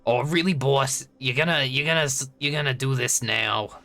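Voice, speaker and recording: A man's voice: medium pitch, normal speed, creaky, bright, forceful tone, faint music behind. A man voicing a sassy tiny stuffed-toy magical companion with a brash, cheeky, informal manner in a tabletop game. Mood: grumbling. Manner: brash, informal wisecracks, calls master boss.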